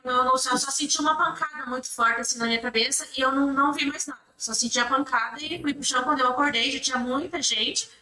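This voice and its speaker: A woman's voice: high voice, quick pace, hardly any pauses, sharp tone. A woman with a Brazilian Portuguese accent giving courtroom testimony, retelling events in long rambling runs held together by repeated fillers. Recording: echoey room, mic at a distance.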